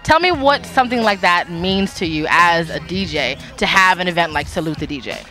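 A woman runs a casual street interview outdoors, keeping her questions rapid-fire and full of slang. Her voice has a sharp, forceful brightness. Faint music sits behind her. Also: on the low side, animated, poor audio. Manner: chatty and slangy. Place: outdoors outside a lounge.

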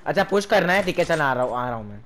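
A young Indian man calls out enemies and orders his teammate around in a fast, animated voice that swings up and down. He sounds a little high for a man and laughs easily between shouts. Loud game noise and gunfire run under his headset mic. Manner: shouts quick callouts to a teammate, laughs often. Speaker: gaming streamer. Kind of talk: excited game commentary with teammate. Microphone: gaming headset. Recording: noisy game audio behind.

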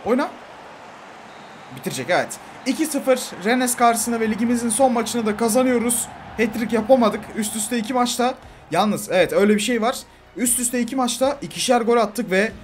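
A man giving casual, excitable live commentary over his own football video game match and talking to the players on screen. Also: high voice, a little hiss or hum. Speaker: gaming YouTuber.

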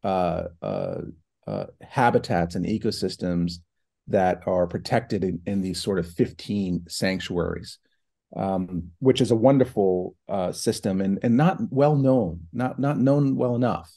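A middle-aged man speaks over a laptop video call from a home office, his voice low and mellow. He talks in a relaxed, thoughtful way, pausing with fillers and circling back to restart his phrases. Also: creaky. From New Hampshire and Ohio, United States. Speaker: guest, foundation president. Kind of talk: casual online interview.

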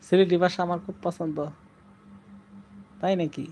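A man's voice: high voice, fairly even intonation, measured pace, darkish tone, a little hiss or hum. A man chatting casually on a live stream, answering viewers' comments and playfully slipping into dialect phrases.

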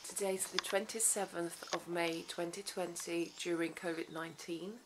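A Swedish-speaking human rights lawyer in her thirties vlogs at home in a small living room about her day, chatty and reflective, with many ums and restarts. Her fairly low voice has little pitch movement and a normal speed, over a noisy background. The handheld camera or phone starts at arm's length and is later set on the floor.

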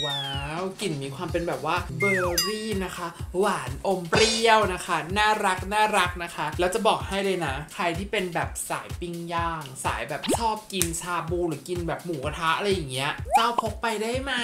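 A woman's voice: medium pitch, roomy sound. A woman beauty vlogger presenting products in a playful sponsored sketch, chatty and bubbly, using old-fashioned courtly address. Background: music.

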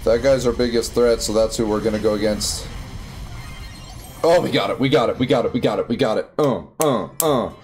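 A young man giving casual, excitable commentary while playing a video game, yelping and squealing at his wins. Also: mid-range voice, brisk, a little hiss or hum. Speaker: gaming YouTuber. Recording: faint music behind.

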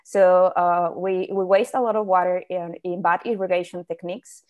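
A woman's voice: on the low side, little pitch movement, moderate pace, a little mellow, highs cut off. Hesitant woman. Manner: hesitant, many fillers and restarts. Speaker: invited speaker on indoor farming. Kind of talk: webinar slide presentation. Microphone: video call.

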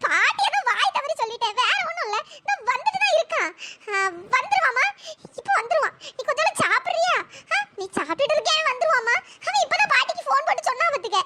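A voice actor voicing a fretful old grandmother in a cartoon story, coaxing and lamenting with repeated cries, through a pitch-raised voice effect. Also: sing-song, quick pace, sharp tone, exaggerated voice. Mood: soothing.

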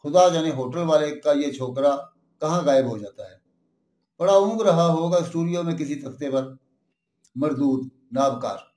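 A man's voice: a little high, normal speed, reverberant, close to an everyday voice. A man doing a scolding, irritable film villain. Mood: grumbling. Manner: scolding, shouting for a servant. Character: irritable middle-aged male film villain.

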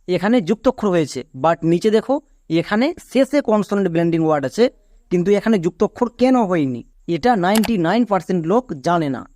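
A man's voice: sits high, mellow, slight background noise. A man with a Bangladeshi Bengali accent teaching English pronunciation, explaining step by step and spelling out letters. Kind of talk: classroom-style explanation.

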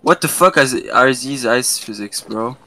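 A man in casual gaming chat, blunt and quick to swear. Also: mid-range voice, pushed and bright, soft background music. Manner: blunt, swears in short bursts. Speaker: gamer.

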